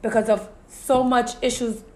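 A US-raised woman from a Puerto Rican family co-hosts a podcast, speaking at normal speed in a slightly high, level voice. The discussion is casual, and she's talkative, leaning heavily on "you know" and "so it's like."

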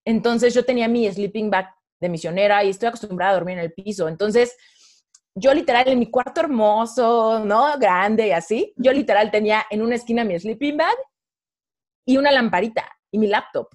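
A woman's voice: on the high side, a little fast, a little mellow. A woman in her thirties with a Mexican accent, a podcast guest telling her own story in casual conversation and acting out her past thoughts.

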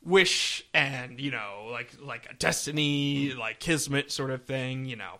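A podcast co-host chats casually in an unhurried, mid-range male voice with a sharp tone. He rambles, restarting often and filling pauses with fillers.

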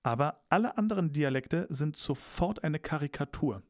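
A man's voice: a little high, animated, normal speed. A man in casual conversation, talking animatedly and emphatically, rambling with restarts. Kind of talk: casual podcast chat.

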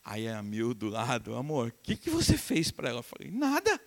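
A brisk, gravelly, medium-pitched voice belongs to a middle-aged pastor from Brazil. He tells stories in his sermon, acts out the quoted voices with animation, and laughs alongside his congregation.

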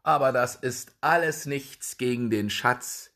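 A man voicing a confident young craftsman son in a calm, measured way, close to his own voice. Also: medium pitch. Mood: firm.

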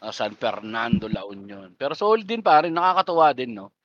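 A man's voice: medium pitch, moderate pace, no room sound, lo-fi sound. A young Filipino man co-hosting a podcast, bantering loosely with lots of swearing and laughter. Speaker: podcast co-host. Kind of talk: casual chat.

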